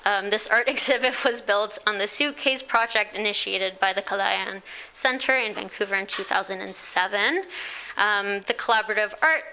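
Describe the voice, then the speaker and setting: Bright, clear-voiced woman presenting casually. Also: mid-range voice, normal speed. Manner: casual and self-deprecating, frequent ums. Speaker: community presenter. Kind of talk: public talk to a small audience.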